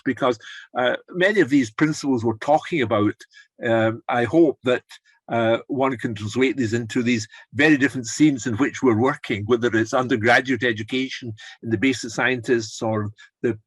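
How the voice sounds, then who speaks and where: A man's voice: medium pitch, husky, dry recording. An older man leading an online course, chatting encouragingly over a video call and rambling with restarts. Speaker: course leader. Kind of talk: casual chat on a video call.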